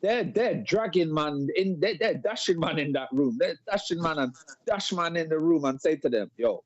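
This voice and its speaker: Speaking at normal speed with no echo, this man has a slightly high, expressive voice. As a guest on a live-stream debate panel, he tells a story in street slang with repeated words, in casual chat recorded as dull lo-fi audio.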